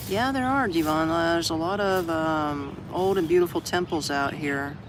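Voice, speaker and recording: An older American from Orlando, Florida chats casually on a livestream, rambling and reading viewer comments aloud in a medium-pitched voice at a moderate pace. He's outdoors in an open shed in a city park, with street traffic audible.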